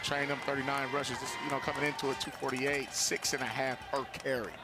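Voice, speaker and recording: Covering a live football game, a man talks through plays in a relaxed color-commentary style with a mid-range voice, a level tone and a brisk delivery. Outdoor stadium sound is clearly heard in the background.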